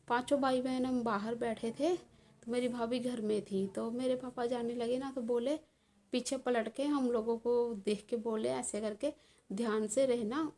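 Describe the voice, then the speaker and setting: A woman's voice: on the high side, darkish tone. Chatty woman recounting a family story. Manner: rambling with many fillers and restarts. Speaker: vlogger. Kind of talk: casual personal storytelling.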